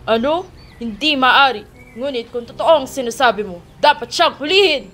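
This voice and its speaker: A stern, doubting monarch, played by a woman declaims gravely in old-style radio drama. The voice is fairly high, with faint music behind. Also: lively intonation, moderate pace, fairly bright tone. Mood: shocked, stern.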